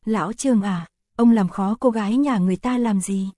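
A woman narrating an audiobook chapter in an even, unhurried reading voice, voicing the characters' lines in her own voice. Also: mid-range voice, dry recording, clean studio sound.

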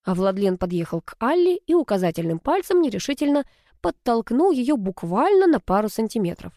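A woman reading a story aloud as an audiobook narrator, in an even storytelling manner. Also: fairly high pitch, a little fast, no echo, studio quality. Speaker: audiobook reader. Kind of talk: scripted narration.

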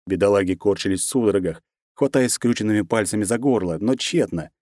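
Male narrator, steady audiobook read, lower register, dry close sound. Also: a little fast, dry recording. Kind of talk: audiobook reading of a novel.

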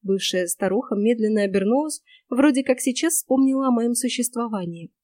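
A woman telling a lively first-person story as audiobook narration. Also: on the high side, brisk, dry recording, studio quality.

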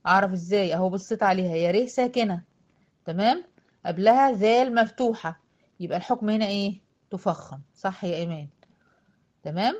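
A woman with an Egyptian accent teaching a tajweed class, patiently quizzing her students and slowly drawing out words to demonstrate. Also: mid-range voice, darkish tone, highs cut off. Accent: Egyptian Arabic. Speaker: Quran recitation teacher. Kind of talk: online tajweed lesson.

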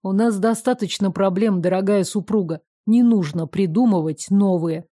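A protective storybook husband, calm and firm, read by a woman. The voice sits a touch lower than the narration, and it is heard close and dry with no room sound. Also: moderate pace, no echo, close to an everyday voice.

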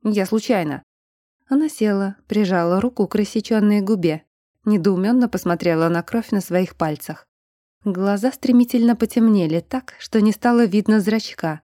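A woman reads a novel aloud at a steady, measured pace, her voice mellow and darkish. The sound is dry and close to the microphone. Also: mid-range voice, dry recording. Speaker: audiobook narrator. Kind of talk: scripted narration.

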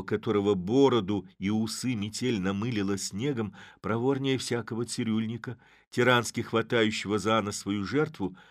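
Deep-voiced man reading a classic tale. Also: dry recording, clean studio sound. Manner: expressive storytelling. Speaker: narrator. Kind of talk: audiobook reading of a classic story.

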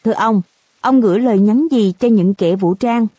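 A woman's voice: medium pitch, normal speed, dark tone, slightly rough, no echo, studio quality, lightly acted. A woman reading the part of a reporter who asks formal, polite questions in a storybook reading. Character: persistent press reporter.

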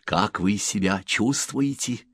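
A man voicing a small gentle alien who whispers kindly, in a storybook reading. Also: on the low side, slow, slightly rough, no echo, full character voice. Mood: hushed kind.

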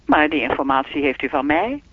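Sitting low in pitch, a woman acts as a lonely, evasive speaking clock with a mind of its own in a radio play. Measured, formal and deadpan yet prickly and questioning, she shifts from rote announcements into dialogue, filtered to sound like a narrow phone line with slight background noise.

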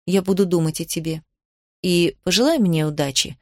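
A woman voicing a sensible older aunt who gives calm, gentle advice. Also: on the low side, normal speed, dry recording, clean studio sound, pitched below the performer's own voice, close to an everyday voice. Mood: gentle admonishing. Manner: calm, instructive, soft.

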